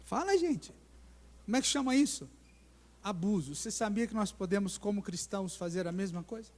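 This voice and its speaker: In a church sanctuary, a middle-aged pastor delivers a sermon in a high, slightly quick voice. He acts out voices as he tells lively stories and asks the congregation questions, all under a long hall reverb.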